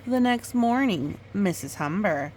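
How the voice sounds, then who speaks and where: Here a woman with a mid-range voice gives an expressive storytime reading of a picture book, drawing out lines for drama and tossing in chatty remarks. The audio is poor, with a little hiss or hum.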